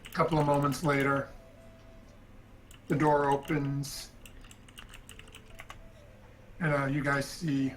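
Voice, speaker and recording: A man running a tabletop game as game master, narrating in a halting way with many fillers and restarts. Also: medium pitch, a little hiss or hum, low-quality recording.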